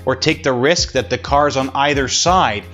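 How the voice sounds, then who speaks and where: A man's voice: mid-range voice, moderate pace, a bit bright, faint music behind. A man giving casual, sarcastic commentary as a vlogger, wisecracking about car commercials.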